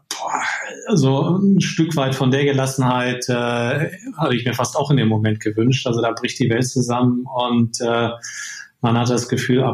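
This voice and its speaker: A man's voice: medium pitch, a little mellow. Curious male interviewer in a roomy space. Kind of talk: conversational interview.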